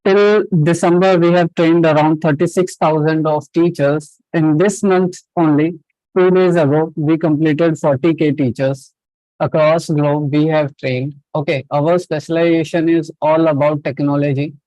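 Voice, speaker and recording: A man's voice: a little high, steady tone, unhurried, dark tone, no echo, rough recording. A man presenting an interactive webinar as host and trainer, often repeating short confirmations and checking in with listeners over an online call. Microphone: online video call.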